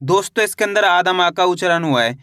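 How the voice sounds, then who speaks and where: A man teaching reading in a video lesson, drilling each sound with repeated questions and slow model words. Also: high voice, expressive, bright, forceful tone, clear, resonant tone, no room sound, studio quality. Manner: repetitive call-and-response drilling, drawn-out model words. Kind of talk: classroom-style video lesson.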